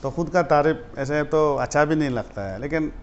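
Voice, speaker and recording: Male student activist guest from Arunachal Pradesh, slightly high voice, gets animated in his stories, dull lo-fi recording. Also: normal speed, a little hiss or hum. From Arunachal Pradesh, India. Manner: animated, rises sharply when retelling confrontations. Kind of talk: casual interview storytelling.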